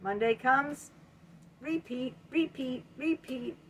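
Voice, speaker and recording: A woman's voice: sits high, slow, a bit bright, a little hiss or hum. A woman in her late fifties giving an emphatic motivational talk to camera at home, repeating key words and peppering her talk with "you know.". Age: 50s. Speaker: self-help video host. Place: home room lined with bookshelves, indoors. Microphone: webcam at desk, close.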